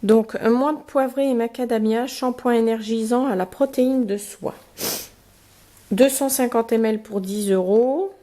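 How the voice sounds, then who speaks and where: Stuffed up from a cold, a woman with a fairly high, dark-toned voice casually reviews a beauty box. She reads the product cards aloud and fills her talk with pauses and fillers.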